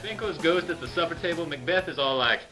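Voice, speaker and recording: A man's voice: a little high, lively intonation, quick pace, pushed and bright, soft background music. A young man telling a silly school skit story in a goofy, sarcastic, slangy way. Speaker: narrator of a student skit. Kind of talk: comic retelling with put-on voices. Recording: dull lo-fi home video, faint noise.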